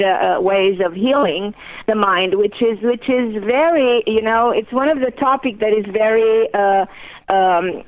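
A woman's voice: medium pitch, dull audio. Romanian-accented woman calling in by phone. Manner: hesitant, searching for words. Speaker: guest caller, psychologist. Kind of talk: phone-in interview.

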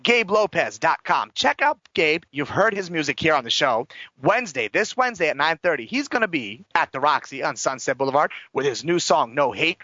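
A male talk host speaks in a high, very animated voice. He is chatty and emphatic, dishing gossip in folksy slang with a bright edge. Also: a little fast, no echo, muffled recording. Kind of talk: casual radio entertainment chat.

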